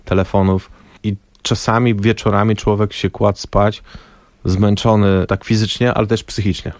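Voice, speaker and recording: A man's voice: lowish voice, normal speed, no echo. A man, a former press officer for a national football team, telling stories in a radio studio interview and acting out the quoted lines. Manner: lively anecdotal storyteller, acts out quoted dialogue. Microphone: studio microphone.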